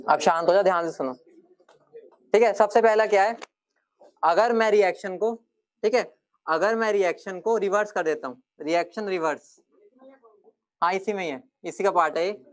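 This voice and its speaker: A man's voice: high voice, moderate pace, long pauses. A young male teacher giving a classroom lecture, joking with his students and then firmly explaining points.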